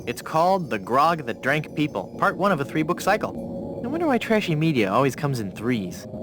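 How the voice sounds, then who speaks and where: An actor playing a hapless, scheming young hero of a comic adventure game, earnest, theatrical and wheedling. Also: male voice, fairly high pitch, big pitch swings, normal speed, noisy background. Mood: musing. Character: hapless, scheming man pleading from a crypt.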